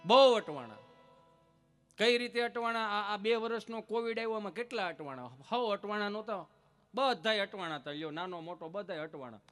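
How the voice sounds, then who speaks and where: A man telling comic folk stories on stage, with a lively, teasing delivery and punchy repetition. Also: high-pitched, normal speed, faint music behind. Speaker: stage comedian.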